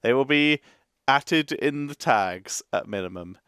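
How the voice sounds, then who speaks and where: A man's voice: mid-range voice, expressive, unhurried, a bit bright, smooth, no room sound, clean studio sound. A man from Essex co-hosting a casual reaction chat, explaining things at length and laughing often. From Essex, England. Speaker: co-host.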